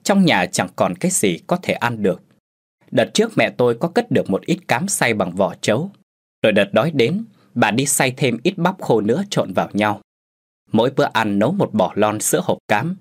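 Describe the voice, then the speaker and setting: A man narrating a first-person story as a storyteller in scripted narration, with lively, expressive delivery. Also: mid-range voice, moderate pace, slightly rough.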